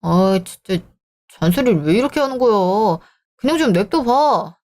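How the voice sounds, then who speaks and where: A woman's voice: medium pitch, lively intonation, moderate pace, a little mellow, close to an everyday voice. A woman voicing a dismissive selfish husband. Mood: scornful. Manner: dismissive, irritated, sarcastic. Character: selfish young married man, eldest son. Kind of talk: dramatized story reading.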